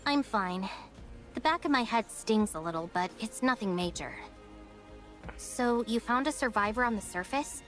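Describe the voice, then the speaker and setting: Brisk, dutiful officer. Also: female voice, fairly high pitch, animated, fairly bright tone, faint music behind. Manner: brisk and matter-of-fact. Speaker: game character. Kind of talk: game voice acting.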